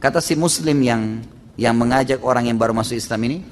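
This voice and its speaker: A man's voice: mid-range voice, a little fast. A male preacher telling a religious story in a casual style, often ending phrases with tag fillers. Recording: reverberant hall.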